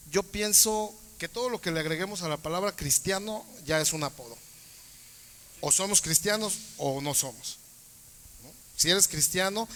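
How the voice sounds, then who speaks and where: A man's voice: fairly high pitch, a bit bright, long reverb tail. A man moderating a church panel discussion, conversational and often ending points with tag questions.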